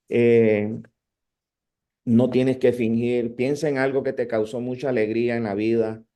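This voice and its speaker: A man gives a lecture on preaching in a warm, mellow voice at a medium pitch. He speaks in a lively, conversational manner. He often breaks off words and restarts them. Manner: animated, conversational, with frequent restarts. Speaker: preaching professor.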